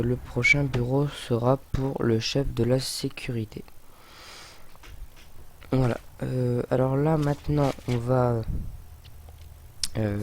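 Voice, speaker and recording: Young man, let's-play commentary, slow, hesitant, lots of fillers, clear background noise. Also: medium pitch, darkish tone. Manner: hesitant, many fillers, muttering to himself while building. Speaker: gaming video host.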